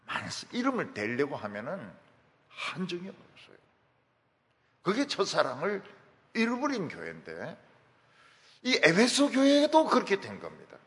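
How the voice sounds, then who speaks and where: A middle-aged male pastor preaching with an emphatic, storytelling delivery, his pitch leaping widely and a gravelly edge to his voice. The sermon rings in a long, reverberant church hall. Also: fairly bright tone.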